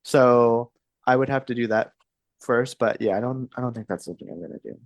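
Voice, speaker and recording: A woman in her thirties from Texas co-hosting a podcast, chatting in a relaxed, hesitant way with laughs. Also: very deep voice, fairly quick, no room sound. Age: 30s. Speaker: podcast co-host. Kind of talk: casual chat.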